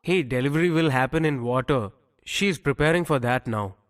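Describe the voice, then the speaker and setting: A man's voice: mid-range voice, normal speed, close to an everyday voice. A man dubbing a cheerful, teasing husband and father in a film. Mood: breezy. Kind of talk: dubbed film dialogue.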